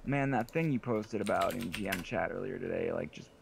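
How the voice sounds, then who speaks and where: A man's voice: low-pitched, animated, brisk, gravelly, background noise. A man in casual podcast banter, joking and teasing the others, with plenty of fillers and some swearing. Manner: uses fillers and profanity. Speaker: podcast co-host.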